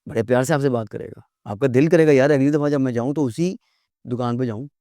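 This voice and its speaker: A middle-aged man gives an English lesson in an earnest way, going over words again and again so they stick. His voice sits at an ordinary pitch. The sound is dry and close, with no room around it. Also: quick pace, mellow, no room sound. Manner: earnest, repeats words for drill. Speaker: teacher.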